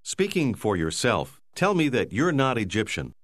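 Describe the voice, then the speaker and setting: Man, language course narrator, slow unhurried delivery, lively pitch, dry close sound. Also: dry recording. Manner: slow, clear, measured prompts. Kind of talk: scripted instructional narration.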